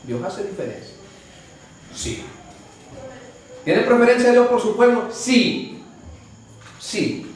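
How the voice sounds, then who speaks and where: A man's voice: high-pitched, sing-song, takes it slowly, long pauses, slight background noise. A man with a Salvadoran Spanish accent teaching a Bible study, often calling listeners brother and asking rhetorical questions. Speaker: preacher. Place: church hall. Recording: echoey room from far off with faint ambience.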